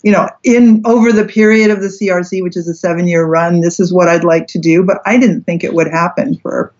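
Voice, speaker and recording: A Canadian philosophy professor with a lowish, a little mellow voice speaks a little fast with fairly even intonation in a casual interview. She rambles through many asides and restarts, and the recording has dull lo-fi audio.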